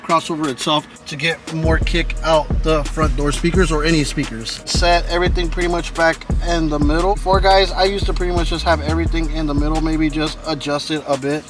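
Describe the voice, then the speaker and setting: This man's voice is on the high side, fairly even in intonation, and a little fast with few pauses. He's a car audio vlogger chatting casually about tuning his truck's speakers, recorded in the cab while loud stereo music plays in the background.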